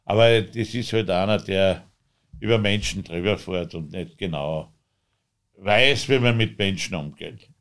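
A man with an Austrian accent, the interviewee, telling his own story in a rambling, halting way with loose dialect grammar. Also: sits low, fairly bright tone. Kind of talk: conversational storytelling.

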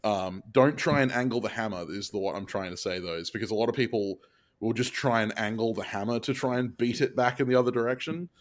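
A man's voice: lowish voice, fast. A man. He explains techniques in a casual, plain-spoken way, like a blacksmith chatting on his podcast. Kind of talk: casual instructional chat.

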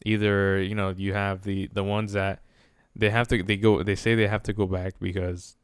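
A man's voice: on the low side, flat delivery, moderate pace, clear, resonant tone, no echo. A man in casual conversation, speaking a little hesitantly and circling back over his phrases.

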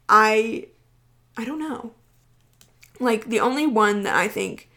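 Woman podcast host, casual chat, quick and rambling, mid-pitched voice. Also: a bit bright. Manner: fast-talking and rambling, with many fillers.

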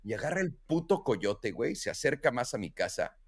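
Mexican host, animated storyteller, pitch all over the place, swears freely. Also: male voice, normal speed. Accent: Mexican Spanish. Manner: animated, acts out quotes in raised voices, heavy slang and swearing. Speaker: podcast host. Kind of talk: casual storytelling chat.

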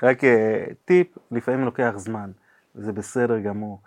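A man appearing as a guest on a podcast, explaining body language with lively acted-out examples and sound effects. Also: lowish voice. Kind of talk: podcast interview chat.

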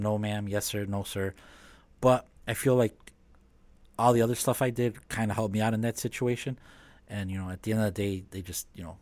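A man who owns a business, speaking as a guest in a casual podcast conversation and talking in a relaxed, halting way. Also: medium pitch, dry recording. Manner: relaxed, halting with many restarts and fillers.

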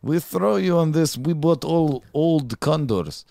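A man voicing a boastful male Russian airline pitchman in a put-on Russian accent, speaking slow, clipped broken English. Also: animated, vocal fry, warm tone, no echo, heavily acted.

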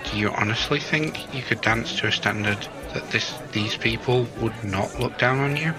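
A man playing a courteous, dry-witted gentleman. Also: medium pitch, over music, crowd noise, lightly acted, low-quality recording. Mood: polite. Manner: polite, measured.

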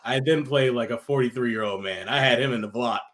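A man in his thirties co-hosting a podcast, starting haltingly and stammering before telling his own story. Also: mid-range voice, fairly bright tone. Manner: hesitant, stammers, then laughs. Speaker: podcast co-host. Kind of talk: casual chat.

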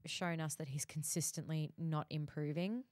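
Chatty woman podcast co-host, lowish voice. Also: fairly even intonation, moderate pace, darkish tone, dry recording, clean studio sound. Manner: chatty, laughs often, trails off mid-sentence. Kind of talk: casual chat.

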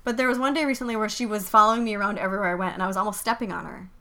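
Woman, podcast co-host, casual chat, giggly, rambling, bright tone. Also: mid-range voice, steady tone, very fast.

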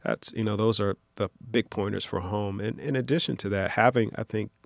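A man with a low, gravelly voice and a flat, even delivery. He explains things patiently as an interview guest, dotting his sentences with fillers. The sound is dry and close. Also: no echo. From Detroit, USA. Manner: measured, explanatory, many fillers. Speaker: orthopedic surgeon guest. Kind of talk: interview conversation.

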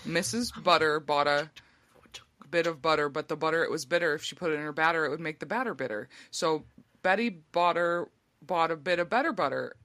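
A woman's voice: low voice, fairly quick, fairly bright tone. A young woman co-hosting a podcast, giggling often and trading crude, playful banter in a casual chat. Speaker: podcast co-host.

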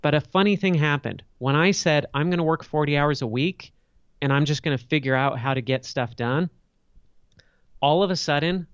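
A man's voice: medium pitch, no room sound, muffled recording. Middle-aged male podcast guest; candid, reflective, dry close sound. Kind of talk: candid storytelling interview answers.

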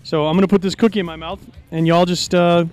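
A man co-hosting a podcast outdoors at a barbecue event, joking and rambling through loud asides in casual banter. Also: high-pitched, level tone, quick pace, soft background music. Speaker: podcast co-host.

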